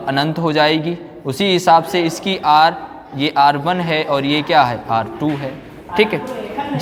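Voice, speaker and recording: A male physics teacher walks his class through formulas, frequently raising questions and answering them himself. He sounds high-pitched and a bit bright, with hall-like reverb echoing around the recording.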